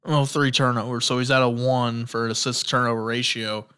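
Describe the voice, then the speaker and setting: A man hosting a casual solo sports podcast at a middling pitch. He talks with excitable enthusiasm, often trails off or restarts mid-sentence and fills gaps with "like" and "uh.". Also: brisk, clean tone. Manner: excitable, rambling, many restarts and fillers; enthusiastic storytelling. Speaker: podcast host.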